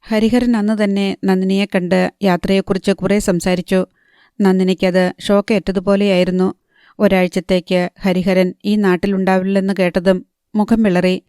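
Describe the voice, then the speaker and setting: A woman narrating a novel with an even, measured reading on a close microphone. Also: mid-range voice, smooth, no room sound. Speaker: audiobook narrator.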